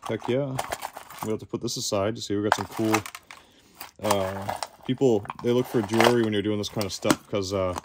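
A man's voice: lowish voice, heavy background noise. A man giving casual commentary to himself as he digs through boxes in a cluttered storage locker. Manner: mutters to himself while digging through boxes. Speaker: reseller vlogger.

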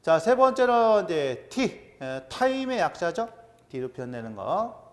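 A middle-aged man teaching an exam-prep lecture, drilling terms and quizzing his students with quick questions. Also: high-pitched. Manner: animated, drills terms with "자" and quiz-style questions. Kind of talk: classroom lecture.

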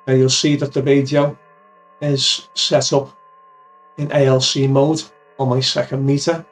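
Speaking unhurriedly at medium pitch with a level tone, this fifty-something amateur radio presenter walks "guys" through a piece of software, demonstrating as he goes. He's in a cramped, messy home office, right up on a boom-arm mic with a pop filter, and faint music sits behind him.

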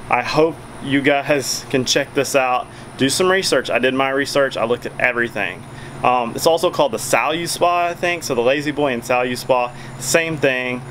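A man's voice: mid-range voice, a bit bright, slight background noise, rough recording. A man, giving a chatty, folksy product review outdoors on a covered backyard patio, filming with a handheld camera at arm's length. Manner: chatty, filler-heavy, folksy. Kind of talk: casual product review vlog.

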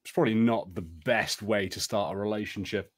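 A man hosting a live stream, switching between casual chat and expressive storybook read-aloud narration. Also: fairly low pitch, fairly quick, husky. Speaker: host of a live gamebook stream.

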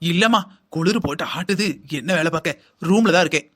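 A man's voice: high voice, a little fast, pushed and bright, breathy edge, pitched below the performer's own voice, heavily acted. A man voicing a lazy, scheming young wife in a cartoon, whining and complaining in long sing-song lists. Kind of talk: cartoon voice acting.

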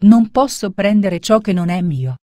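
A woman voicing a humble, devout male merchant who speaks gently and earnestly in a storybook tale. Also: medium pitch, expressive, measured pace, no echo, close to an everyday voice.

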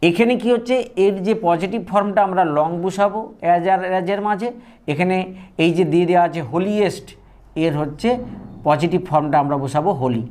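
High-voiced Bengali tutor explaining grammar. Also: male voice, a little mellow. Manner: reads English examples slowly, explains in Bengali. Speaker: English grammar teacher. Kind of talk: explaining grammar exercises to students.

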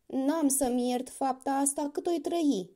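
A woman's voice: sits high, warm tone, pitched above the performer's own voice, close to an everyday voice. A woman voicing a sly male crocodile who wails theatrically with fake remorse, in a children's story. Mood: lamenting. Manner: wailing, theatrical lament.

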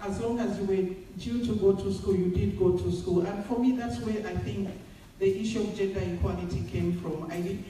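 A woman from Zambia gives a measured, hesitant talk as a panel speaker at a women's forum, recorded from the audience in a large hotel function room. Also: medium pitch, steady tone, warm tone, slight background noise. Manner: measured, hesitant with many fillers. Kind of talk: public speech at an event. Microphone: far phone camera in the audience. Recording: echoey hall heard from far off.

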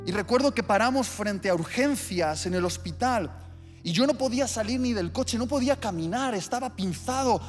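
Preacher in a reverberant hall. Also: male voice, high-pitched, expressive, normal speed. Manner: vivid storytelling with acted-out scenes. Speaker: pastor. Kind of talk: sermon. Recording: long hall reverb with soft music.

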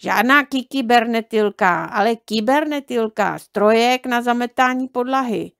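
A man's voice: very high-pitched, clean tone. A woman reading aloud, voicing a small boastful shorty boy who corrects others. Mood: know-it-all.

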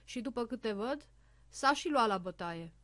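Woman reading a stern little doctor lady, storybook, scolding manner, highish voice, dry close sound. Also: expressive, a bit bright, no room sound. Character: strict little female hospital doctor.

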